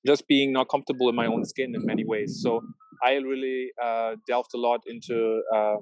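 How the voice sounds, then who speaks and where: This guest is a tech founder in his thirties, from Norway and Germany, chatting in a relaxed interview via video call from a marina outdoors. He talks at a moderate pace in a medium, slightly mellow voice with little pitch movement, often hesitating, restarting and using fillers. The audio is dry and rough.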